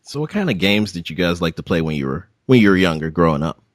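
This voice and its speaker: A man's voice: low voice, big pitch swings, fast talker, no room sound, studio quality. A man hosting a podcast in a casual, conversational style, introducing and interviewing. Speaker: podcast host.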